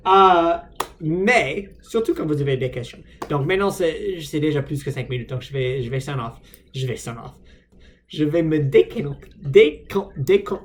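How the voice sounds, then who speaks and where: Animated American man speaking learner French. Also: a little high, a little hiss or hum. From United States. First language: English. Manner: hesitant, many fillers and restarts, self-deprecating. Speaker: vlogger. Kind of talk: casual unscripted vlog.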